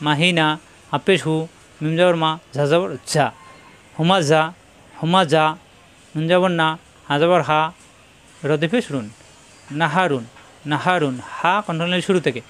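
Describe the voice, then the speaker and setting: A man's voice: on the high side, unhurried, pauses often, fairly bright tone, clean tone. A man teaching Quran reading, who spells out letters and their sounds one by one and repeats each drill patiently. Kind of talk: spelling-out recitation lesson.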